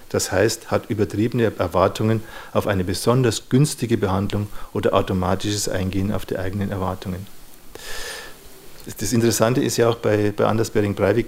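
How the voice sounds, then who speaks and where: Low-voiced man lecturing on psychology. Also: darkish tone, a little hiss or hum. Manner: thoughtful, searching for words, frequent "ja" and "ne". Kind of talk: lecture to an audience.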